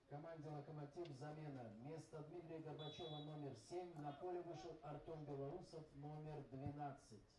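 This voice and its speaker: A man making formal, measured substitution announcements as a stadium announcer, heard quietly from a distance over the public address. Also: on the high side, steady tone, slightly rough, dry recording.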